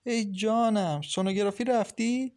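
A man's voice: sits high, pitched above the performer's own voice, natural voice. A man voicing a caring, talkative young wife who gives kind, lecturing advice in an audiobook. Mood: concerned. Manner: lively, reassuring, lecturing kindly. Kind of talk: audiobook character reading.

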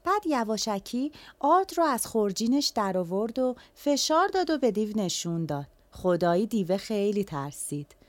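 Animated woman telling a folk tale. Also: medium pitch, few pauses, no room sound. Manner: animated, colloquial storytelling. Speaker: storyteller.

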